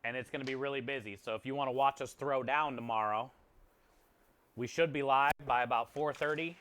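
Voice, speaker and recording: Clear-voiced man chatting casually on a livestream. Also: mid-range voice, fairly quick, a bit bright. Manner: friendly, appreciative, conversational. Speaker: food truck chef and streamer. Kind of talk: casual livestream chat to viewers.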